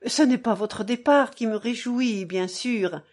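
A woman's voice: on the high side, darkish tone. A woman reading aloud, voicing an emotional, fervent young society woman in a pleading manner. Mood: effusive. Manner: emotional, pleading, quick shifts.

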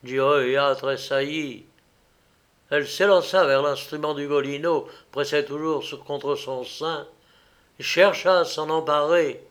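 A man reading a gothic tale aloud in a slow, dramatic storybook narration. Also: on the high side, fairly even intonation, fairly bright tone.

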